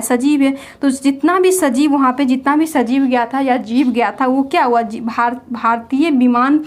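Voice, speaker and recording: A young woman teaching a general knowledge lesson, explaining memory tricks and asking and answering her own questions. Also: sits high. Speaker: quiz teacher.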